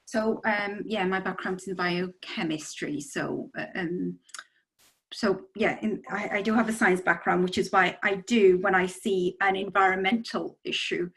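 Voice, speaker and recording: A middle-aged Bangladeshi city councillor speaks on a video-call panel discussion, rambling and full of "um"s and "you know"s. Her medium-pitched voice is a bit slow, creaky, and slightly bright with fairly even intonation, and the audio quality is poor.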